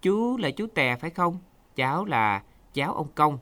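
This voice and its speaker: A man's voice: fairly high pitch, sing-song, moderate pace, bright, forceful tone, pitched above the performer's own voice. A man voicing an eager, polite little boy in a storybook reading.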